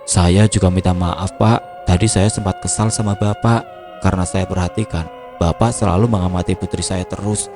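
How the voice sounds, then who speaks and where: A man's voice: low-pitched, steady tone, normal speed. A man voicing a curious young mother who asks questions directly. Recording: music playing behind.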